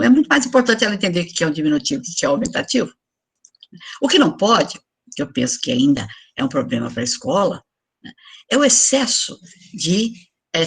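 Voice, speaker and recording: Older woman lecturing, husky voice. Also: lowish voice. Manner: explanatory, asks for the next slide. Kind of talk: online lecture to teachers. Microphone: video call.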